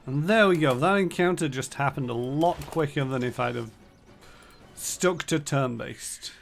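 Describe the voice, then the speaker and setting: Gravelly-voiced man rambling over gameplay. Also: mid-range voice, measured pace, faint music behind. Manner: rambling, thinking aloud with many fillers. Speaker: streamer. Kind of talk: casual gameplay commentary.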